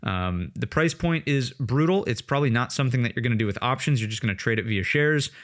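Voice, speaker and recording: A man's voice: medium pitch, animated, quick pace, fairly bright tone. A man talking through stock charts on a screen share, conversational, with lots of fillers and "right?" check-ins. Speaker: trading educator. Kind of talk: screen-share market analysis.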